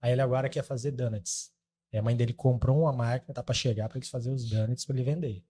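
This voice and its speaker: A man's voice: medium pitch, fairly even intonation, fast talker, mellow. A man hosting a podcast, chatting casually and encouraging his guest. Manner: encouraging, affirming. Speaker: podcast host.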